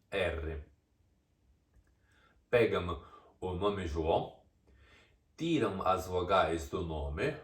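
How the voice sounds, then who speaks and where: Slow, deep-voiced man narrating from afar. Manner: mocking rhetorical questions. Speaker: video essay narrator. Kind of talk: scripted narration. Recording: echoey room, distant mic.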